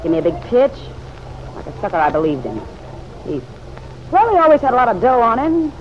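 In the style of an old-time radio drama, a tough city woman speaks in curt, defiant slang, guarded and quick to take offense. Her voice is a little high and sing-song, her mood bitter, huffy and defensive, and the recording is dull and vintage with faint noise.

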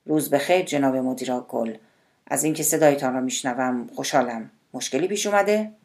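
A woman's voice: extremely low pitch, a little mellow. A woman voicing a polite, cautious male government spokesman. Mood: courteous.

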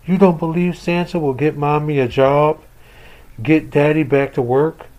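Man doing a little boy, hopeful, pleading, raised pitch, eager questions. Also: steady tone, a little slow, a little mellow, natural voice.

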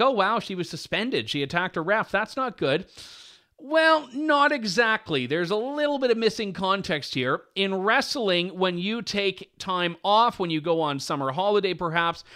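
A man's voice: high-pitched, sharp tone. A man co-hosting an opinionated news commentary show, wry and amused as he pokes fun at a story. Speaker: co-host.

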